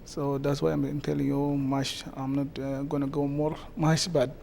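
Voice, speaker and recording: His voice is fairly high, flat, mellow and a bit gravelly: a South Sudanese-accented man, president of a community association, answering interview questions with many halting pauses. A faint hiss or hum can be heard.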